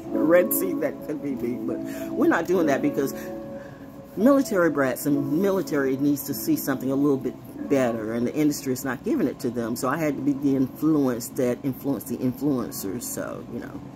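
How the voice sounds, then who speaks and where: Middle-aged woman freestyling into her phone, low voice that leaps all over, beat playing under her. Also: lively intonation, moderate pace, over music. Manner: swings between half-sung rhymes and blunt, confiding asides. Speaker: vlogger doing spoken freestyle. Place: indoors at home on a couch. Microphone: phone held close at arm's length.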